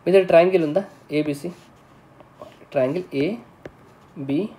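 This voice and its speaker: A man's voice: a little high, normal speed, warm tone. A male teacher giving an exam-prep lesson, explaining step by step, often checking in with the viewer and mixing English technical terms into his speech.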